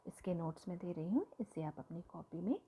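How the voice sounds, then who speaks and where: A woman teacher explaining grammar to children slowly and clearly. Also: lowish voice, expressive, warm tone. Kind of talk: Hindi grammar lesson for children.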